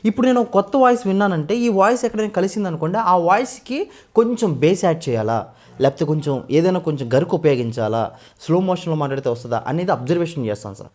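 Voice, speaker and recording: A man from West Godavari in India, a mimicry artist, telling his story in a casual interview and often addressing the interviewer as sir. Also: fairly high pitch. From West Godavari, Andhra Pradesh. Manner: fast, animated storytelling with frequent sir.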